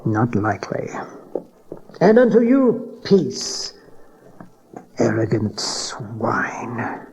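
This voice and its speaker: A man's voice: mid-range voice, very animated, very slow, long pauses, a little mellow, slight background noise, heavily acted. An actor playing an old, scornful, scheming tyrant king in a dramatized audio Bible, with an imperious, sneering manner. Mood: haughty irritation. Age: older. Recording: dull cassette tape transfer.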